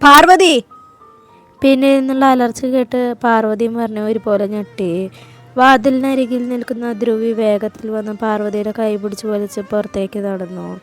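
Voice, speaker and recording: A woman narrating a romance story in an even storytelling delivery. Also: a little high, moderate pace, faint music behind.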